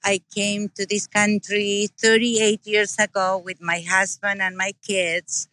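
An enthusiastic woman with an Argentine Spanish accent, a business owner, is a guest in a casual interview, coming across as warm and earnest. Her mid-range voice has a flat delivery at a measured pace. The audio is poor, with no room sound.

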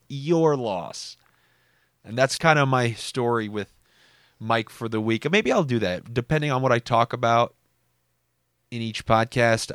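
A man talks through his weekly podcast in a casual, wry monologue. He drops sarcastic asides and leaps up in pitch to make a point. The sound is dry with no room echo. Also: clear, resonant tone. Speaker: podcast host.

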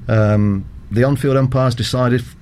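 A man working as a cricket umpire, explaining rules in a measured, formal way as an interview guest. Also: medium pitch, fairly even intonation, a little mellow, slight background noise. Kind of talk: conversational interview.

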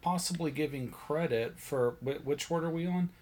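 A man's voice: on the high side, normal speed, a little mellow. A man co-hosting a podcast in casual banter, with a joking, playfully obtuse manner. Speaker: podcast co-host.

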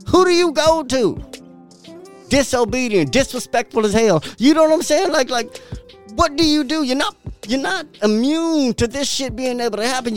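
Animated man preaching with swears. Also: extremely high pitch. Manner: profane, emphatic, repetitive preaching; animated, laughs often. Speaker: podcast host. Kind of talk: motivational podcast monologue.

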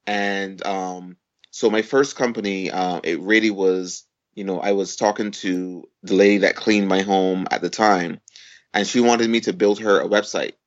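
A man from Barbados in his forties, a podcast guest, explaining things in a measured way with step-by-step examples. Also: sits low, fairly even intonation. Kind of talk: conversational interview. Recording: dull lo-fi audio.

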